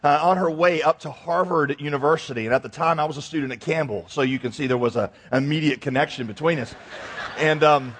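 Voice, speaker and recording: A man delivers a sermon from the pulpit, his voice higher than most and a touch husky. He tells stories with animated acted-out voices. The sound rings with the long reverb of a large hall. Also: brisk. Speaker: pastor. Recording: echoey hall.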